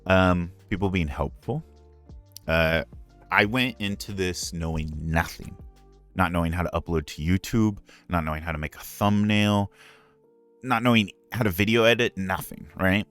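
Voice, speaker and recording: A man's voice: low voice, moderate pace, fairly bright tone, clear, resonant tone, faint music behind. A man who streams and voices ASMR, talking candidly and earnestly in a casual live Q&A, rambling with frequent asides.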